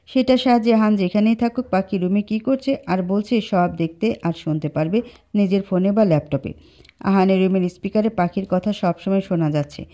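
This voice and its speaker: Woman narrator, steady storybook reading, mellow and warm, for an audio love story. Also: mid-range voice.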